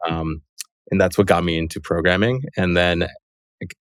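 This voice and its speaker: A low-pitched male voice with a steady tone and moderate pace comes through in clean studio sound, with no room sound. The speaker, a Los Angeles company co-founder, is a podcast guest in a casual interview, chatting loosely with "like" fillers and laughter woven through his sentences.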